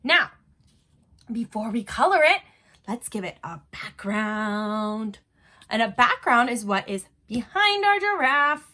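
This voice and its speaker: An elementary school art teacher, a woman, talks young children through a drawing tutorial step by step in simple, encouraging phrases. Her voice sits on the high side, sing-song and bright, with a forceful tone and a slow pace.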